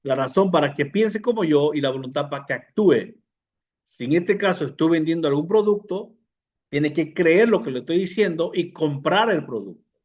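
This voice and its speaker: A man teaching a public speaking class to pastors, unhurried, often repeating words and putting questions to the listeners. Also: fairly high pitch, lively intonation, darkish tone, dull audio. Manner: unhurried, repeats words, fillers, asks the audience. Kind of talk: lecture to pastors.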